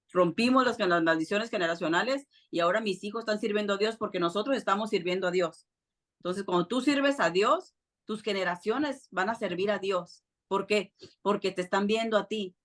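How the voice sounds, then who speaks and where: A woman's voice: mid-range voice, fairly bright tone. Earnest woman preaching with personal testimony. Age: adult with children. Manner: earnest, personal testimony with frequent fillers and restarts. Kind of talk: church teaching talk.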